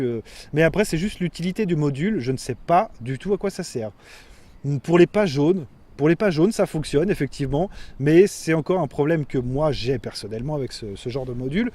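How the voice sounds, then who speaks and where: A man's voice: fairly high pitch, dark tone. A man giving a casual, rambling product review, full of fillers and self-corrections. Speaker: tech reviewer.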